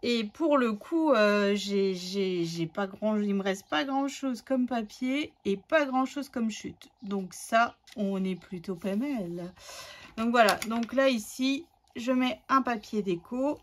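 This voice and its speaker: Chatty woman crafting slowly. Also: on the high side. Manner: chatty, thinks aloud while working, many fillers. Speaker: scrapbooking tutorial host. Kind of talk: casual crafting tutorial.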